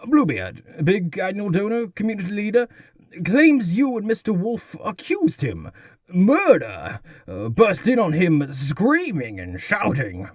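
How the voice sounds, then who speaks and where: An older, pompous mayor-king in a comic dub, genial and fussy. His husky voice sits fairly high and swoops wildly, blustering theatrically in a dry, close recording. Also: huge pitch swings, measured pace, dry recording, exaggerated voice. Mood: troubled, blustery.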